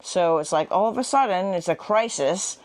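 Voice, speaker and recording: A woman co-hosting a travel vlog, telling stories in an animated, laughing way. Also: lowish voice, normal speed, no room sound. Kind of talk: casual travel chat.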